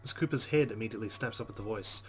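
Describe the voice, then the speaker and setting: With a quick pace and a voice on the low side, a let's player narrates the first-person text of a visual novel dramatically. Soft background music accompanies him, and the recording has noticeable background noise.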